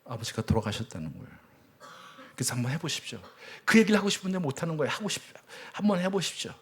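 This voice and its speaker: A middle-aged man preaching a sermon as a church elder, telling stories with sudden swings between loud cries and hushed words. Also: fairly high pitch, very animated, very fast. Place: church sanctuary.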